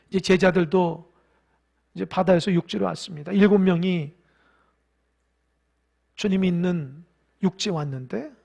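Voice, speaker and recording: A male pastor preaching a sermon with emphatic swings from quiet to loud, leading the congregation in reading aloud. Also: sits high, gravelly.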